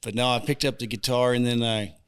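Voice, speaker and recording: A man in his thirties with a Texan accent, a rancher and songwriter chatting as a podcast guest, relaxed and joking dryly. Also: mid-range voice, a little fast, smooth. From Texas. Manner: dry joking, relaxed drawl. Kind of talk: casual interview chat. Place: saddle shop.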